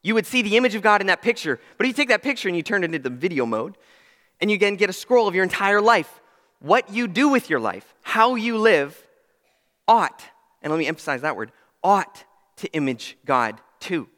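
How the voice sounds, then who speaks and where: A young man preaches a sermon in a church sanctuary, his bright voice sitting high. He talks in an earnest, emphatic way and slips in self-deprecating asides. The sound carries a long hall reverb. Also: big pitch swings, fairly quick. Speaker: pastor.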